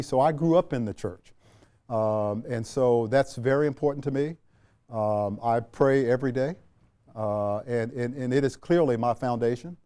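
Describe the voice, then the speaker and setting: An older man from Washington, D.C., a retired general, telling stories in a sit-down interview. He speaks in a measured, unhurried way, with frequent restarts and fillers. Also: medium pitch, warm tone, smooth. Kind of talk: reflective storytelling in a sit-down interview.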